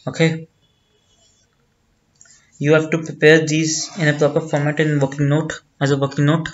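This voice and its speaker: A man with an Indian accent teaching accounts, working step by step through an exam problem and deliberately repeating phrases. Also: fairly high pitch, completely flat delivery, muffled recording.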